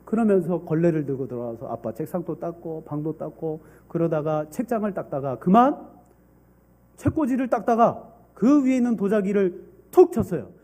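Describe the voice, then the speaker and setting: A male pastor preaches with lively, rising and falling delivery, pausing to quiz the congregation. His voice sits high yet mellow, with a husky grain. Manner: animated, questioning the congregation. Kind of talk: sermon with storytelling.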